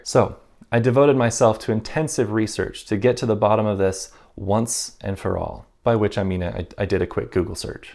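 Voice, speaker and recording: A man's voice: lowish voice, creaky, darkish tone. A man vlogging casually about stationery with a wry, self-mocking manner. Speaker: stationery YouTuber. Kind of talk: casual vlog talk.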